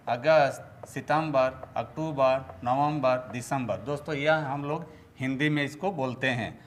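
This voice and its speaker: A man's voice: on the high side, a bit bright. A man from India teaching spelling patiently, stretching out each syllable as he explains. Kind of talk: slow explanatory lesson.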